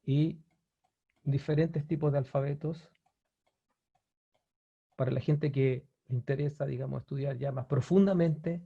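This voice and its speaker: A language teacher leads a webinar on language-learning websites in a mid-range, gravelly, mellow voice with a breathy edge, a steady tone, a slightly slow pace, and long pauses. The audio is dull. He explains easily, with many fillers and restarts, and keeps checking in with his viewers.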